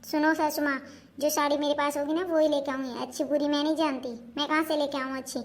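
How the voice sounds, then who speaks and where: A woman's voice: high-pitched, level tone, fast. A woman playing a stubborn young daughter-in-law in a home-made comic family skit, insistently refusing to give up her things.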